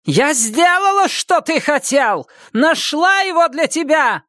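Guy putting on a shrill screechy old witch, hissing, dry close mic, storybook villain. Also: expressive, takes it slowly, no room sound. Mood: shrieking. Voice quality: high shrill strained voice. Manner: hissing, then shrieking upward. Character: monstrous old witch, hag with living hair, treacherous.

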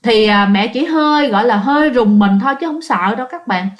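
A woman's voice: on the high side, animated, brisk. A woman narrating a ghost story, talking directly to listeners in a repetitive, conversational way.

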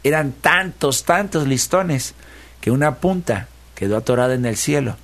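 A man's voice: mid-range voice, moderate pace. Playful male storyteller. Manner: lively, rhythmic repetition, playful. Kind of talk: animated folk-tale storytelling.

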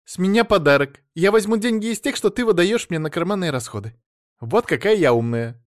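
A man's voice: on the high side, big pitch swings, moderate pace, no echo, studio quality, pitched above the performer's own voice. A man voicing a silly, childish, vain young wife in a pouty, wheedling voice.

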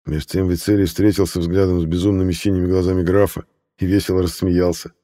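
A man reads a fantasy novel aloud in a low, measured voice. His tone is mellow and dark, and he keeps an even, steady delivery. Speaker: audiobook narrator. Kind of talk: fantasy audiobook narration.

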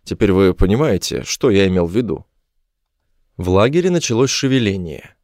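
A man reading an adventure novel aloud as a first-person audiobook narrator, measured and even. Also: deep voice, no room sound, clean studio sound.

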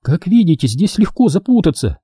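A man's voice: high voice, very animated, fairly quick, dark tone, husky, no echo, voice pushed up, full character voice. A man reading the part of a wry teenage girl in an audiobook, speaking sourly and dryly. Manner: sour, dry.

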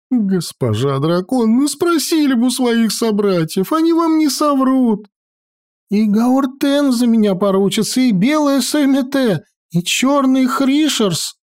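A woman voicing a jittery, cowardly male sorcerer who pleads and frets in a high, whining patter. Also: a little mellow.

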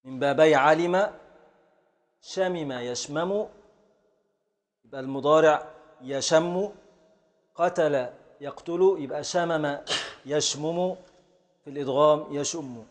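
A man teaching classical Arabic grammar in a classroom lecture, explaining slowly, repeating word forms and answering students' questions. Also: fairly high pitch.

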